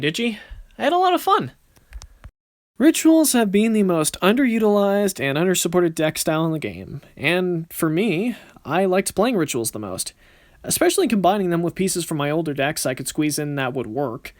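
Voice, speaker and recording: In clean studio sound with no echo, a man with a high, sing-song voice plays a confident, cocky but good-natured young card duelist for an amateur anime-style series. He trades casual, swaggering banter at normal speed, in a friendly, easygoing mood.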